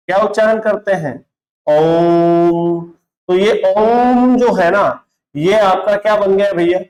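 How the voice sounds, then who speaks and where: Man, high-pitched voice, Hindi grammar teacher, online lesson, asks and answers his own questions, mixes in English words. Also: rough recording. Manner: repeats questions and answers them himself, addresses students as brother. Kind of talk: classroom-style online lesson.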